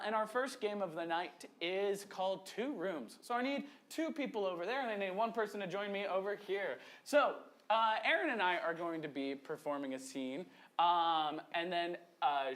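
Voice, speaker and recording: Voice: medium pitch, normal speed, few pauses. The host of a live improv comedy show, hyping up the crowd and bantering from the stage, often raising the voice to rally them. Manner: animated, often shouting to rally the audience. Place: on a stage before an audience.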